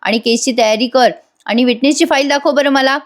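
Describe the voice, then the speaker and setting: A woman's voice: high voice, brisk, natural voice. A woman voicing a young male lawyer who teases his wife and bosses his friend, in a recap voice-over. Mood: playful. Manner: bossy and playful. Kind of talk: recap voice-over reading of a soap scene.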